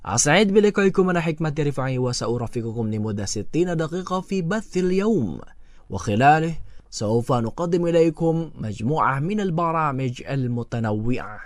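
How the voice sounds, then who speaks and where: Male radio host, lively intonation, slightly high voice, scripted presentation, dry studio sound. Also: brisk, no echo.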